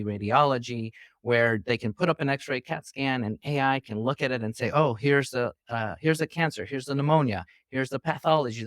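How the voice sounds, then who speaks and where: Speaking indoors over video, a New York man who is a physician guest walks through his interview answers earnestly and long-windedly, like a teacher. There's no echo on his medium-pitched voice.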